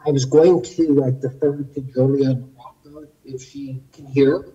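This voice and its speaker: A man in an office with a hollow cave-like echo on his audio, speaking haltingly as an attorney in a remote meeting. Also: medium pitch, fairly even intonation, dark tone, muffled recording. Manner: halting, repeats words as he starts. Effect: hollow cave-like echo on his call audio. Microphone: remote call audio, distant from the mic.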